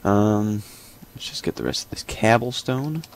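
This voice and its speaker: A young man chats through his let's-play session in a low, gravelly voice. He rambles, fills pauses with ums and uhs, and drops small joking asides while he plays. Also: animated, darkish tone, slight background noise. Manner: rambling, thinking aloud with many fillers. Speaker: gameplay commentator. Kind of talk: casual let's-play commentary.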